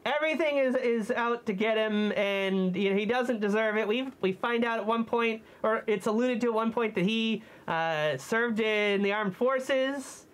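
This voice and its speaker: A woman in a costume head, chatting casually as co-host of a movie review, hesitant and often pausing to find her words. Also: fairly high pitch. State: speaking through a costume head.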